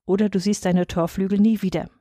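A woman voicing a calm, wise old male saint who speaks firmly. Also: medium pitch, a little fast, no room sound, studio quality, lightly acted.

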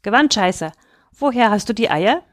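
A woman's voice: medium pitch, expressive, moderate pace, no echo, studio quality, close to an everyday voice. A woman doing insistent indignant Fatima. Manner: insistent, accusing.

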